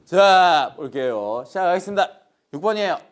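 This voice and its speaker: A man's voice: high-pitched, animated, normal speed. A Korean man teaching an English grammar lesson online, asking questions and answering them himself while pointing things out on the board. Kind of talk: online lecture.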